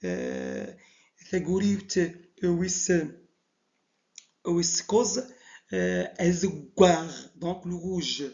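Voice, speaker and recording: A man giving a slow, hesitant lecture with many pauses and repeated words. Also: high voice, huge pitch swings, darkish tone. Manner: halting, many "euh" pauses and repetitions. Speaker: teacher. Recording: dull lo-fi sound.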